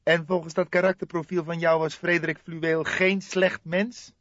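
A man reading an audiobook, voicing a sarcastic young detective in a high, loud voice. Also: little pitch movement, moderate pace, dry recording, highs cut off, lightly acted.

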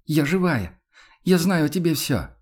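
A man's voice: on the high side, very animated, measured pace, a little mellow, pitched above the performer's own voice. A man reading an audiobook, voicing a young woman who pleads and breaks with emotion. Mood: desperate. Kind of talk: audiobook character voice.

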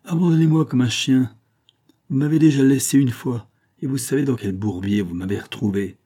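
A man's voice: medium pitch, moderate pace, dark tone, voice pushed up, close to an everyday voice. A man reading as a bitter, sarcastic glassmaker husband. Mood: vehement. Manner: sarcastic, vehement, raised voice. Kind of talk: audiobook character reading.

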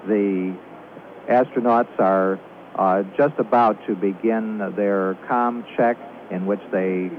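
A man giving measured, explanatory countdown commentary as a launch control commentator, hesitating as he goes. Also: lowish voice, fairly even intonation. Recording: tinny phone-like line, faint noise.

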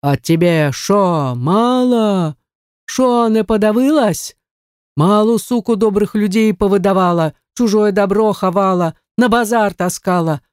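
A man's voice: sits high, unhurried, smooth, no echo, clean studio sound. A woman growling as a brutal peasant man. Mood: threatening. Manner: growling, threatening.

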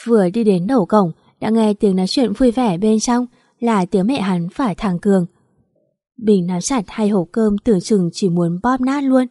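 A woman narrating a story in a steady, even reading. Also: mid-range voice, normal speed, no echo, clean studio sound.

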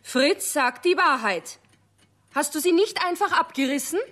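A woman's voice: high-pitched, expressive, measured pace, fairly bright tone. An actress playing a scolding but loving mother in a 1970s radio play. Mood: stern. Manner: stern, then flustered.

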